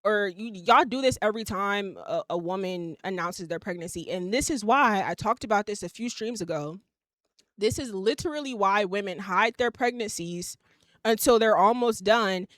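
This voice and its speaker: A woman's voice: medium pitch, fairly bright tone, dry recording, studio quality. A woman, hosting a podcast and ranting bluntly with plenty of swearing. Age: 20s. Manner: blunt, profane, emphatic ranting. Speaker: podcast host. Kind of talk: casual opinion monologue.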